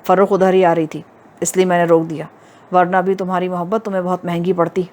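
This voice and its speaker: A woman's voice: on the low side, little pitch movement, darkish tone, close to an everyday voice. A woman voicing a stern, blunt brother.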